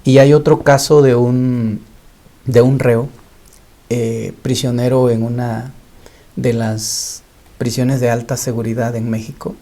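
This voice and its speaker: A pastor tells earnest stories in a Bible study panel discussion. His voice is dark and mellow, with a gravelly edge of vocal fry. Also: medium pitch, little pitch movement, slow pace. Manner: storytelling, earnest testimony.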